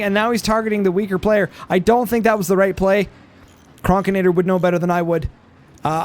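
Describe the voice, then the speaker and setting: A man rambles through play-by-play commentary on a strategy game, his high voice hoarse as if he's losing it. His speech is packed with fillers and restarts.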